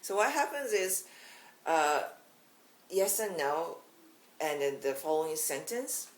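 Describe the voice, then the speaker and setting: A woman's voice: deep voice, sing-song, takes it slowly, echoey room. A Japanese woman in her thirties with a Japanese accent, teaching a casual language lesson in a small room, explaining carefully with frequent fillers. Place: small bright indoor room.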